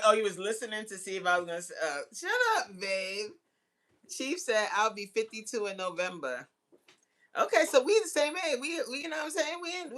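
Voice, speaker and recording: With a mid-range, fairly bright voice, this livestream host in her 40s casually chats with live viewers and reads their comments aloud. She comes across as slangy, teasing and giggly.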